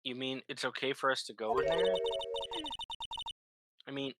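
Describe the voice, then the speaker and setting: A man's voice: mid-range voice, moderate pace, close to an everyday voice. A man voicing an earnest young defense attorney, reading video game dialogue aloud. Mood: earnest, polite. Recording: loud background noise.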